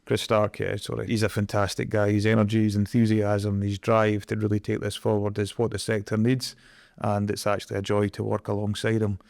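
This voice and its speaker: A low, gravelly-voiced Scottish man speaks as an interview guest, earnest and reflective. His delivery stays fairly flat in pitch. The studio sound is dry and close. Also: a little fast, no echo. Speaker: guest, energy project director. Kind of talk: conversational interview.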